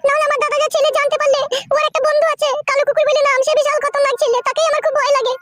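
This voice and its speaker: A woman's voice: extremely high pitch, level tone, very fast, fairly bright tone, voice pushed up. A woman voicing a young village girl in a comic cartoon, chattering and pleading to be taken away. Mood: eager. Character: young village girl Sumaiya, sweet and fearful. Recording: noisy homemade recording.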